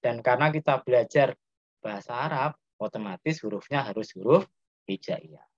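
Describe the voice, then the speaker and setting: A man's voice: medium pitch, animated, moderate pace, no room sound. Javanese man teaching, lo-fi sound. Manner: asks students questions, explains step by step. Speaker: Islamic grammar teacher. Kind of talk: interactive classroom lesson.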